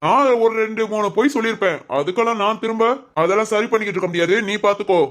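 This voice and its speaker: A woman voicing a dismissive young husband in a cartoon family drama, talking in a gruff, scolding way. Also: mid-range voice, rapid-fire, natural voice. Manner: gruff, scolding, self-pitying complaints.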